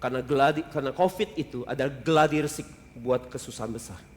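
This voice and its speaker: A male pastor preaching a sermon in casual Indonesian, animated, jumping from loud exclamations to hushed asides. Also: medium pitch, quick pace, a little hiss or hum. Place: church hall. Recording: long hall reverb.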